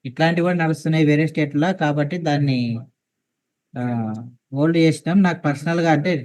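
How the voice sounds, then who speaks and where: Brief: man, meeting coordinator, brisk, slightly high voice. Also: steady tone, darkish tone. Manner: quick, explanatory, businesslike. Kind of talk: online work meeting.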